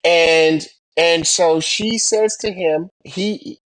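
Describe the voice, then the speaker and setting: Speaking very slowly in a slightly high, fairly bright voice, a middle-aged American man who served in the military and flew as a pilot shares personal anecdotes with emphasis, repeated phrases, and rhetorical questions. The recording is rough, with no echo.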